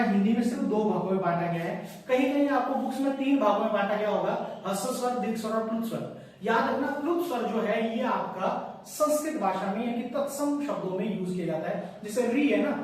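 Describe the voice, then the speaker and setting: A man with a high voice lectures on grammar, drilling points again and again and throwing questions at the class. He is recorded from a distance in a very echoey room. A faint hiss runs under his voice. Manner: repeats key points and quizzes listeners. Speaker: Hindi grammar teacher.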